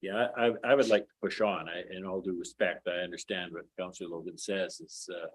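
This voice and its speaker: A city councillor speaking at a council meeting in a halting way, tired and restarting often. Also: male voice, sits low, fairly even intonation, husky, poor audio. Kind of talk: council debate. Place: council chamber.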